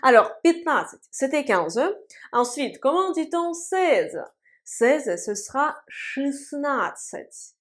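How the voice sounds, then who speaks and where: A woman's voice: sits high, big pitch swings. A woman teaching a language video lesson, patiently repeating each word and drilling pronunciation at a board. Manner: patient, drills words slowly and repeats them. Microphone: writing on a board.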